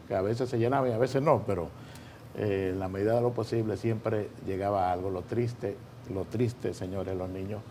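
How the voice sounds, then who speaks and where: A man with a Dominican Spanish accent co-hosting a morning news show in a conversational way, pausing and repeating phrases as he comments. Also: lowish voice, darkish tone. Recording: light background noise.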